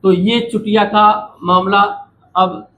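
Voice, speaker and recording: A fairly high-pitched man teaches a grammar lesson at the board. He puts questions to his students, answers them himself and repeats the key points. Faint noise hangs under the recording. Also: level tone, slow, bright, forceful tone, poor audio. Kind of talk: classroom lecture at a board.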